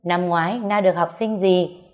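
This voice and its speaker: A kind young village man in a storybook tale, as a woman narrator puts him on, soft-spoken and coaxing. The voice sits a little low and speaks up slightly above the narration. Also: steady tone, moderate pace, natural voice. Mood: gentle coaxing. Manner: gentle, coaxing questions.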